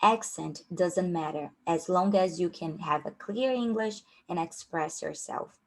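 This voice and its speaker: This is a young woman, a career coach and native Portuguese speaker, running a casual workshop in a lowish, unhurried voice. Her Brazilian Portuguese accent is clear, and she talks informally with plenty of fillers and restarts.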